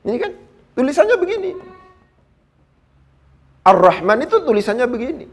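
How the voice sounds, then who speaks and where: A man teaching Quran Arabic grammar in a lecture, animated, asking his listeners rhetorical questions and reciting verses slowly. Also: very high voice.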